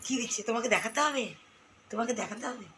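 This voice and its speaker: A woman's voice: on the high side, quick pace, noisy background. A woman with a Bengali accent chatting casually to viewers in a home vlog, often cooing to a small child as she does chores. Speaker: lifestyle vlogger. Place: home balcony and rooms. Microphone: phone camera.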